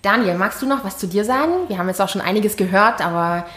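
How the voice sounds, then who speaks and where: A woman's voice: medium pitch, fast, fairly bright tone. A woman interviewing two podcast hosts, with an upbeat, inviting manner.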